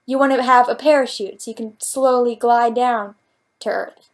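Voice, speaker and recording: Woman vlogger, slightly high voice, jokey, rambling, casual chat at home. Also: steady tone, moderate pace. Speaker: vlogger answering viewer questions. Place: at home, talking to her cat.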